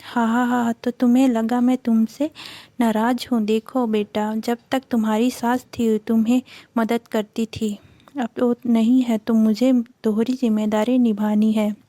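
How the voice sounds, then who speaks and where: A woman voicing a gentle, caring older father-in-law in a storybook reading, speaking with soft affection. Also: a little high, flat delivery, measured pace, no echo, close to an everyday voice. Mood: affectionate.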